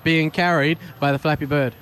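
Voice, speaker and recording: A man's voice: on the high side, fairly even intonation, normal speed, fairly bright tone. Wry man co-hosting tech talk. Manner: wry, teasing, corrects the other host. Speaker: podcast co-host. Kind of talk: casual tech news chat.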